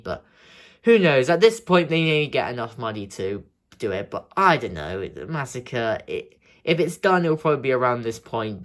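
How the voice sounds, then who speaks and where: Young guy rambling on in a casual vlog, voice bouncing up and down a lot, keeps restarting, hiccups. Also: mid-range voice. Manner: rambling, hesitant, many restarts and fillers. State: has the hiccups. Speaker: video creator.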